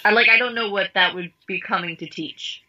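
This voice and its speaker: Bright-voiced woman, chatty with lots of "like". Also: mid-range voice, fairly quick, highs cut off. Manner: chatty, heavy use of "like", sarcastic paraphrase. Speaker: study partner. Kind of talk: casual study discussion.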